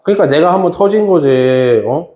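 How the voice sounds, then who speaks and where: A male academy teacher telling a classroom story, acting out his scolding with sudden loud shouts. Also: on the high side, moderate pace. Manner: animated, wide-ranging delivery. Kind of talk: storytelling anecdote in a class talk. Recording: roomy echo.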